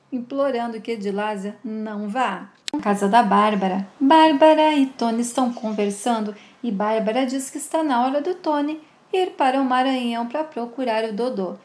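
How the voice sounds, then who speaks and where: A woman's voice: fairly high pitch, a little mellow. A woman casually retelling a soap opera episode, speaking of the characters with fond, pitying diminutives. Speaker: narrator of soap opera recaps. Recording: roomy echo.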